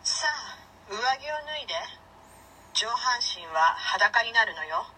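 A woman's voice: a little high, very animated, takes it slowly, pushed and bright, exaggerated voice. A woman voicing a bossy, teasing female queen dominatrix in a comedy skit, heard from a distance with faint noise. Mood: domineering. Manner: commanding, teasing.

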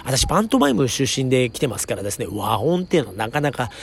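A man chats politely and quickly, with plenty of fillers and a lively, rising and falling pitch. His voice is gravelly. He is recording outdoors near a train station, with faint street traffic behind him. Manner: chatty, polite, with many fillers. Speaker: podcast host. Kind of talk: casual solo talk.

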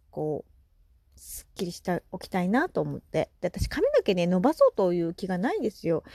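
Woman in her 30s rambling on her podcast, lots of laughs, bouncy, mid pitch, dry close mic. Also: no room sound. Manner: chatty, animated, laughs often, soft asides. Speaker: podcast host. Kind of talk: casual solo chat.

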